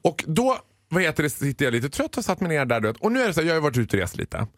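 Guy in his 30s on radio, bouncy lively storytelling, bit high voice, dry studio sound. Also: dry recording. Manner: animated storyteller, acts out dialogue. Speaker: radio show regular. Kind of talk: casual radio banter.

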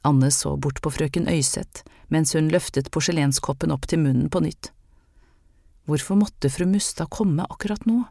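A storyteller reading an audiobook with calm, measured pacing. The voice sits at a middle pitch. The recording is close and dry, with no room echo. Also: vocal fry. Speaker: narrator. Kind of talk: scripted audiobook narration.

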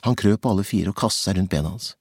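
Man reading an audiobook, deep husky voice, super dry close sound. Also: a little mellow, dry recording. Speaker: audiobook narrator.

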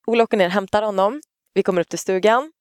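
A woman telling a family story in casual chat, animated and swearing freely, acting out the shouts of the scene. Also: mid-range voice, clear, resonant tone, no echo, clean studio sound.

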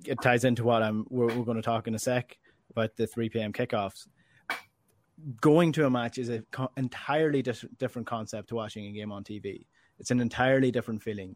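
Irish bloke hosting sports podcast, mid pitch, dry sound, earnest and emphatic, casual. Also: male voice, no room sound. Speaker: football podcast host. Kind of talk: casual opinionated discussion.

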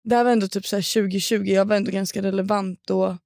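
A woman's voice: mid-range voice, little pitch movement, a little mellow, dry recording, studio quality. A young woman from Sweden telling a long story in casual podcast chat, slangy and swearing. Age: young adult. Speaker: podcast co-host.

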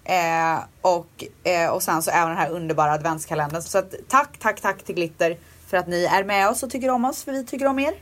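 A woman's voice: lowish voice, few pauses. A pregnant woman co-hosting a podcast, chatting casually with frank opinions and lots of fillers. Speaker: podcast co-host. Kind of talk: casual chat.

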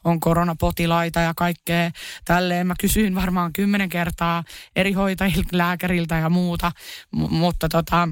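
A woman's voice: on the low side, level tone, clear, resonant tone, no echo, clean studio sound. A woman podcast co-host in casual chat, talking with lots of fillers and self-mocking humor. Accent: Finnish.

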